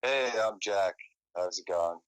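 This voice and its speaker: A man's voice: low-pitched, slow pace, smooth. A man greeting casually, heard over a phone on speakerphone.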